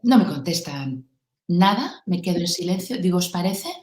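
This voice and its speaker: A woman's voice: lowish voice, moderate pace. A woman, a guest telling a story in an interview and acting out the dialogue as she goes. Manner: lively storyteller who acts out dialogue. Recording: roomy echo.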